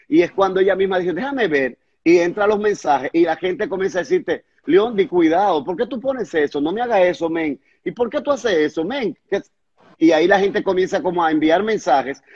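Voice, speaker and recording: A man with a somewhat high voice recounts a testimony in an earnest, conversational tone. He stammers and repeats small words at the hardest parts. The recording sounds muffled and lo-fi. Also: a little mellow. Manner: stumbles and repeats words at hard moments. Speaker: pastor and guest recounting a testimony.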